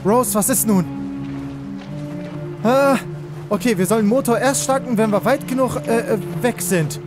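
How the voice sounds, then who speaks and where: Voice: medium pitch, normal speed, music in the background. A let's player giving casual gameplay commentary, reacting aloud and talking to viewers.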